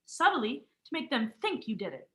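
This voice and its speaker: A student actress with a slightly high, sing-song voice at normal speed plays a frightened, suspicious young woman. Her delivery is urgent and accusing, in the melodramatic manner of a vintage radio mystery.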